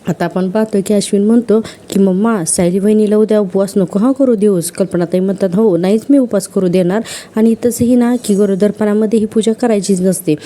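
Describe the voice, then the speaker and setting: A woman's voice: mid-range voice, brisk, dark tone. A woman casually retelling a TV serial episode, quoting each character's lines with fillers and self-corrections. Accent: Marathi.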